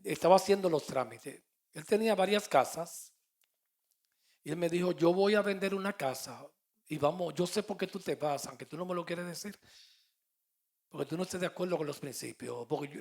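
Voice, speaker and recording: A middle-aged man with a Puerto Rican accent, a pastor preaching a sermon and telling stories, moving between loud and soft. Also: on the high side, gravelly. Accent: Puerto Rican Spanish. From Puerto Rico. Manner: storytelling with quoted dialogue, swings between loud and soft.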